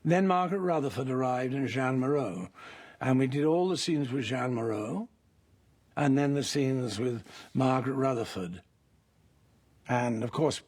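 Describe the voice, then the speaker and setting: A man's voice: mid-range voice, creaky, darkish tone, husky. An older man, an actor interviewed about his past work, telling anecdotes in a reflective way. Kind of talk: reminiscing interview.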